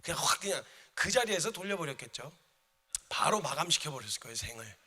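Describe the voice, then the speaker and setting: A man's voice: on the high side, very animated, quick pace, bright, forceful tone. A man preaching a sermon as a missionary, emphatic and dramatic, addressing the congregation in a church. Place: church sanctuary. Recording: reverberant church hall.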